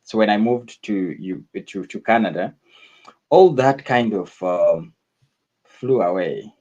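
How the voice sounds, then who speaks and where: A man from northern Uganda with a very low voice, talking as a radio guest. He speaks in a measured way and keeps pausing on fillers. The recording sounds dull and lo-fi. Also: expressive, darkish tone. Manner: measured, frequent uh fillers and repeated words. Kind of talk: conversational interview.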